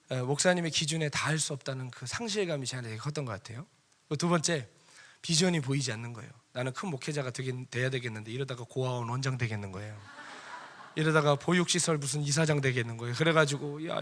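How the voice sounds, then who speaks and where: A middle-aged man preaching a sermon in a church, telling a personal story with animated, acted-out quoted arguments. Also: medium pitch. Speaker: pastor.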